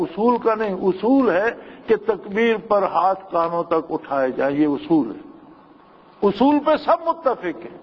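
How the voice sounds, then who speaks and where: A man preaching a sermon in a high voice, pressing his points with rhetorical questions. His voice carries a long hall reverb, and the sound is muffled and dull.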